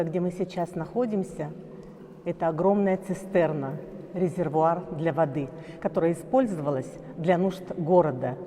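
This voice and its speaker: A woman guiding viewers on a tour from inside a huge underground stone cistern, with a booming cavern echo around her voice. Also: warm tone, a little hiss or hum. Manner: addresses viewers as friends. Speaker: tour guide. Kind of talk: guided tour narration. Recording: long echoing reverb of a big stone cistern.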